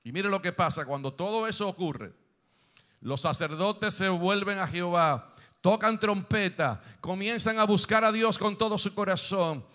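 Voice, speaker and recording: Speaking at normal speed in a high-pitched, sharp voice, a pastor reads scripture and explains it during his sermon. He asks rising questions, and some of his phrases lift into song.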